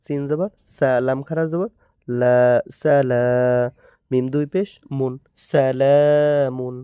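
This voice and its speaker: Man, Bangladeshi accent, Quran reading teacher, slow repetitive drilling, clear tone. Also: medium pitch, fairly even intonation, warm tone, no room sound, studio quality. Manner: slow, drawn-out drilling with repeated syllables. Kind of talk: spelling out Arabic letters and vowel marks, then reading words slowly.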